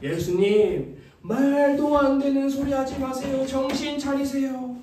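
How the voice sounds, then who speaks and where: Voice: mid-range voice, fast, warm tone, close to an everyday voice. A preacher acting out the apostle Peter as an adult man urgently rebuking, recorded far from the mic in a very echoey hall. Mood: protesting. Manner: pleading, rebuking.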